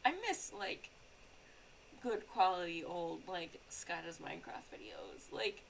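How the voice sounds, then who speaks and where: A woman's voice: lowish voice, big pitch swings, a little slow, vocal fry, slight background noise, rough recording. A young adult woman streamer chatting casually while playing a game, rambling with lots of fillers and restarts.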